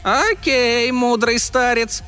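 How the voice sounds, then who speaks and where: Kolokolchik, a shrill fairy. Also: male voice, slow, sharp tone, soft background music, heavily acted. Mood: indignant. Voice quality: piercing falsetto. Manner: irritable, squeaky boasting. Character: shrill cocky little male fairy, quick-tempered. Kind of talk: audiobook character voice.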